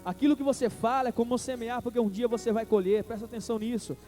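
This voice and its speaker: A Brazilian Portuguese-accented man preaches a sermon, calling out to the congregation. His voice sits high but sounds soft and mellow. Faint music plays behind him. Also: fairly even intonation, fast talker. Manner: preaching with call-and-response to the congregation. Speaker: pastor.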